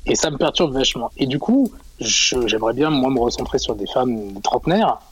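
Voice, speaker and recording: Husky hesitant man in his forties. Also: mid-range voice, animated, rough recording. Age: 40s. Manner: hesitant, halting, frequent fillers. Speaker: caller. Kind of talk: radio call-in chat.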